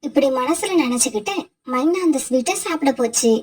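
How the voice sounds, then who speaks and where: Woman telling a kids cartoon story, high voice, steady and clear about it. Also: brisk. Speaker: narrator. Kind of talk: storytelling narration for children.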